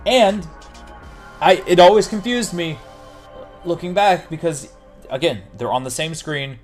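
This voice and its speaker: A man co-hosting a casual gaming podcast, talking in an animated way and jumping into quick quotes. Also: a little high, faint music behind. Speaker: podcast co-host.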